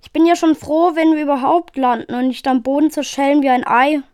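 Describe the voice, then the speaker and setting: A woman's voice: high voice, fairly quick, darkish tone, dry recording, clean studio sound, lightly acted. A woman voicing a brash male pilot who brushes off worries, in a read-aloud story. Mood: grim. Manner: dismissive, brushing off worry.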